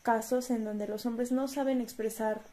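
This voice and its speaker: A woman's voice: fairly high pitch, steady tone, moderate pace, dark tone. A woman co-hosting a podcast, talking casually and chiming in often in agreement. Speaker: podcast co-host. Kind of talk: casual conversation.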